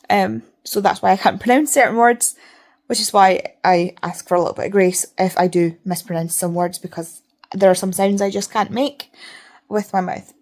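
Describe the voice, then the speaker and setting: A woman's voice: mid-range voice, darkish tone. Woman, mid-range voice, mouth kept nearly closed while talking, casual vlog chat, rambling, repetitive emphasis. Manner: talks with mouth barely open; rambling, repeats herself for emphasis. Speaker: reading vlogger.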